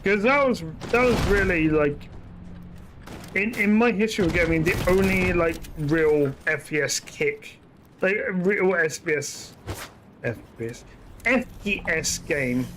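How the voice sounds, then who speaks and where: Streaming a shooter game, a man keeps up casual, rambling commentary, chatty and often correcting himself mid-sentence. His voice is a little high, with a little hiss or hum on the recording.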